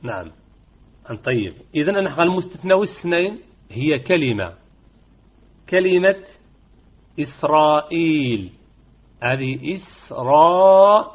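A man teaching Quran recitation rules in an online lesson. He repeats key words and draws them out slowly to demonstrate them. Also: fairly high pitch, very animated, lo-fi sound. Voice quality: husky.

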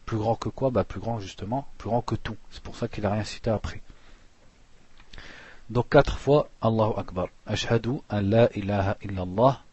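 A man teaching a religious lesson, reading passages fast and then explaining them plainly with restarts. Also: on the low side, a little mellow, dry recording. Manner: reads Arabic passages quickly, then explains slowly with restarts; clears throat now and then.

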